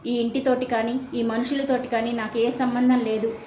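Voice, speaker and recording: A hurt young man speaks firmly and coldly, turning his back on his family, voiced by a woman narrator. His voice is fairly high and carries across an echoey room. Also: flat delivery, moderate pace, dark tone, slight background noise, lightly acted. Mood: defiant. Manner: firm, cold, then tearful.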